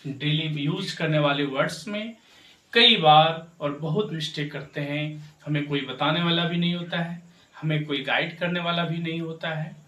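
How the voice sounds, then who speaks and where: A man's voice: on the high side, fairly bright tone, far from the mic. A man teaching English pronunciation, spelling words out letter by letter and repeating the correct form while asking the viewers to follow along. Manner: addresses viewers directly with rhetorical checks. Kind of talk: spoken language lesson. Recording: echoey room, voice from off mic.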